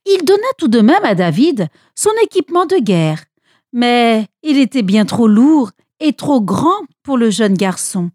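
A woman narrating a children's story with an expressive, dramatic reading. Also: on the high side, measured pace, no room sound, studio quality.

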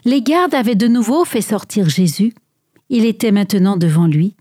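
A woman narrating a children's Bible story in a measured, expressive storytelling voice, close to the mic. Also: mid-range voice, no echo. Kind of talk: scripted Bible story reading.

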